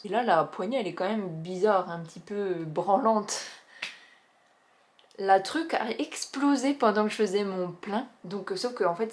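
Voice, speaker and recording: A young woman talking casually to camera about skincare products she has used up, chatty and enthusiastic, with many filler pauses. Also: medium pitch, darkish tone. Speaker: beauty vlogger reviewing finished products. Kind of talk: casual product review vlog.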